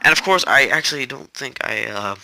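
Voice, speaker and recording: A man hosting a gaming channel, rambling and correcting himself in a flat, robotic-sounding delivery while he sounds stressed. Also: medium pitch, brisk, background noise. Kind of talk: casual gameplay commentary. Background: game music.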